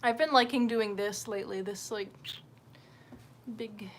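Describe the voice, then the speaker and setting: Speaking at a measured pace in a medium-pitched voice, she rambles loosely and swears freely as she chats unscripted with her livestream audience. A faint hiss or hum sits under the recording.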